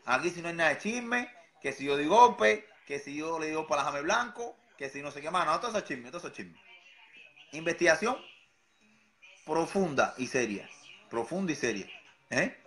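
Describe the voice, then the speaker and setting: A Cuban man with a Cuban accent talks in a sarcastic, repetitive, taunting way. His voice sits a bit high and rings bright and forceful. His pitch swings widely as he needles his target. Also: expressive, moderate pace. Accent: Cuban Spanish. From Cuba. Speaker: satirical vlogger. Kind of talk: mocking impression monologue.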